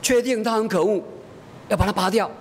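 A man putting on a stubborn little girl. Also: brisk. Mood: indignant. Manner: insistent, indignant childish pleading. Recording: reverberant hall, faint rumble.

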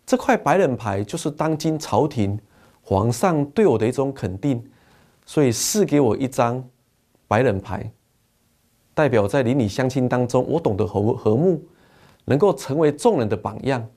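A man's voice: medium pitch, animated, moderate pace, warm tone. A preacher voicing a proud, touchy old man. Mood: impatient. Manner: indignant, lecturing.

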